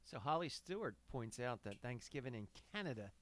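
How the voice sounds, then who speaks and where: A man's voice: mid-range voice, sing-song, brisk, a bit bright, a little hiss or hum. A man co-hosting a podcast, chiming in and teasing in casual banter. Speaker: podcast co-host.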